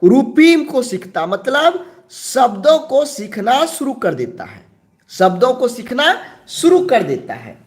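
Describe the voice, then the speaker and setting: A male teacher giving an exam-prep lecture, slowly repeating key terms and answering his own questions. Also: very high voice, sing-song.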